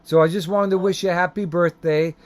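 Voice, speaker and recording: A man's voice: high voice, fairly even intonation, brisk. A middle-aged or older man talking casually, as on a family call and to a camera. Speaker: vlogger, son on a phone call. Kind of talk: casual family phone chat and talk to camera.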